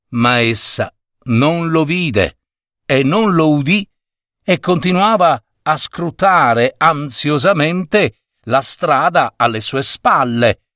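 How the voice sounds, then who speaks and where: Expressive slow male storyteller. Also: fairly high pitch, dry recording, clean studio sound. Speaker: narrator. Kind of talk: storybook reading.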